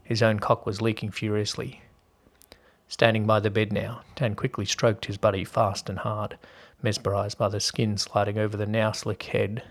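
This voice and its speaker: A man hosting a podcast and narrating a story in an even, steady reading voice. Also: on the low side, normal speed.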